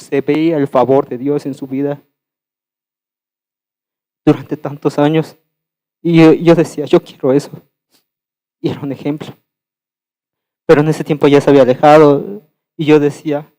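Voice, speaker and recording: A young man gives a heartfelt personal testimony in church, often halting and repeating words as he goes. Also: fairly high pitch, warm tone, low-quality recording. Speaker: church member giving testimony.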